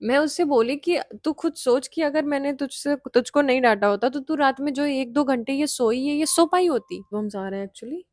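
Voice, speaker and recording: A woman's voice: high-pitched, moderate pace, few pauses, no room sound, studio quality. A young woman casually telling a hostel ghost story, chatty, slipping in English phrases and laughing often.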